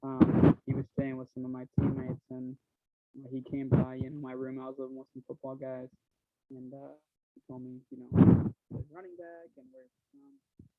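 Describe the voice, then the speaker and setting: A young man chats loosely over a video call, his audio corrupted and cutting in and out. His voice has a gravelly fry and a flat, even delivery, and the sound around him is dry and close. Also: mid-range voice, moderate pace, no room sound, phone-quality sound. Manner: relaxed, filler-heavy, rambling. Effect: glitchy video-call audio cutting out. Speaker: student panel moderator. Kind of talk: casual webinar chat.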